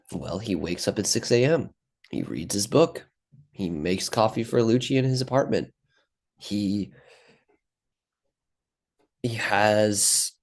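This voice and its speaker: Rambling young man vlogging trade recaps. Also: medium pitch. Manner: rambling, swears a lot, says bro and dude. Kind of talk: casual monologue to camera.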